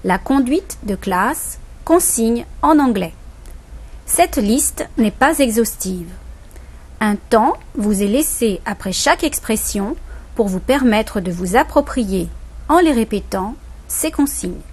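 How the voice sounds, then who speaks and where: A woman narrating an instructional recording in a formal, measured way. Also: a little high, lively intonation, darkish tone, breathy edge. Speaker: narrator of teaching audio. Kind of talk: scripted narration.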